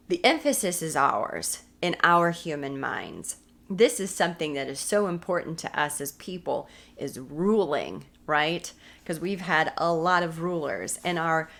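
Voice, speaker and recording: A woman's voice: sits low, creaky, a bit bright. An American woman teaching a women's Bible study lesson in an earnest tone, often repeating phrases for emphasis.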